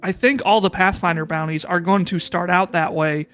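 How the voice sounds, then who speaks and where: A man's voice: sits high, steady tone, normal speed, a bit bright, soft background music. A man running a tabletop game as game master, rambling and self-deprecating as he thinks aloud. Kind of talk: casual streamed tabletop game chat.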